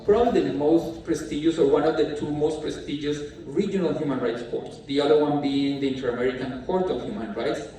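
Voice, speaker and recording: A man from Colombia gives a halting lecture with frequent fillers and restarts. His voice is a little high and mellow. He is recorded from a distance in a very echoey hall with faint background noise. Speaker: speaker at a talk.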